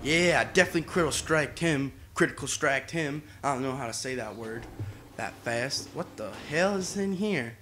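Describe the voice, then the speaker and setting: A man's voice: medium pitch, normal speed, a bit bright, slight background noise. A young man giving casual let's play commentary, playful and boastful, often exclaiming as he plays. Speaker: gamer.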